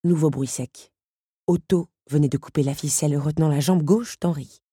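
A woman reading an audiobook in a steady, measured way. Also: deep voice, slightly rough, no room sound, studio quality. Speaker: audiobook narrator. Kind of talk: scripted audiobook narration.

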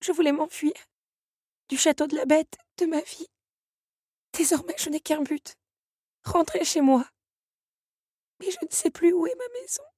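A woman's voice: high voice, unhurried, pauses often, mellow, dry recording, studio quality, voice pushed up. A woman reading an audiobook and voicing a despairing young woman who pleads and speaks through tears. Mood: tearful.

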